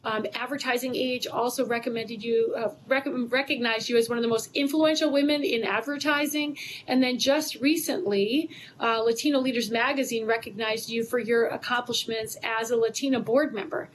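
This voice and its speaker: A woman's voice: a little high, steady tone, normal speed, slight background noise, rough recording. A woman who is an HR leader, asking a guest friendly, prepared interview questions. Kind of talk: corporate interview.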